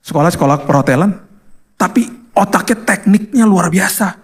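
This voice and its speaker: A male pastor telling a personal testimony in a conversational sermon, lively and acting out the voices of the people in his story. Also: high-pitched, normal speed, vocal fry, slightly rough. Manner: animated storyteller who acts out quoted voices.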